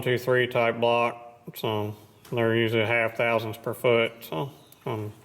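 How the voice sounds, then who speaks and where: A man's voice: mid-range voice, fairly bright tone. A man talking as a machinist casually explaining his workshop job in a modest, plainspoken, matter-of-fact way. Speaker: machinist presenting his repair work.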